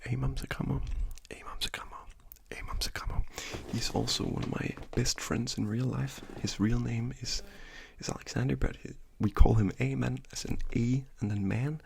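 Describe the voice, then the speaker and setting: Young male ASMR creator, whispered role-play; gravelly whisper, casual and joking. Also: medium pitch, steady tone, moderate pace, few pauses. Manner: whispered trigger words, repeating names softly; casual, joking asides with swearing.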